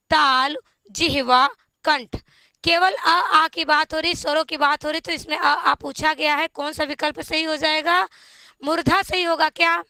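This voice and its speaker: A woman teacher going through exam questions slowly, repeating each option and asking viewers to answer before giving it. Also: sits high, pushed and bright, no room sound. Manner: slow, repetitive quizzing of viewers. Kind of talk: exam-prep lesson on Hindi grammar.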